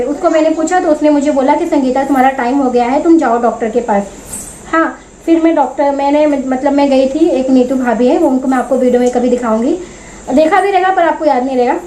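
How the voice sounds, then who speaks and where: Chatty high-voiced young woman vlogger. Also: a little hiss or hum, poor audio. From India. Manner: chatty, animated, acts out quoted voices. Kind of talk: casual storytelling to camera.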